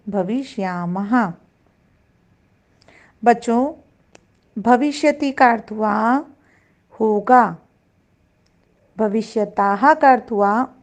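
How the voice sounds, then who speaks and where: Slow, patient woman teaching grammar. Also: mid-range voice, a little mellow. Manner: slow, patient, recites verb forms deliberately. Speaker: Sanskrit teacher. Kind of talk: classroom grammar lesson.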